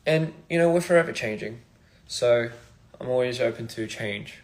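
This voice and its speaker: A young man from Australia chatting casually on a phone livestream, soft-spoken and reflective, drifting between thoughts. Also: medium pitch, normal speed. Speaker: musician livestream host.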